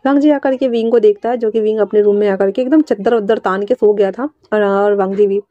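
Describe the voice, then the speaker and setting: A woman's voice: medium pitch, a little fast, warm tone, no room sound. Chatty female story narrator, casual and colloquial, dry lo-fi recording.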